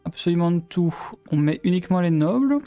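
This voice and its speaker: A man's voice: sits high, lively intonation, fairly quick, mellow, faint music behind. A man from Belgium giving live commentary on his strategy game, thinking aloud and often trailing off mid-sentence. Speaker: let's play gamer.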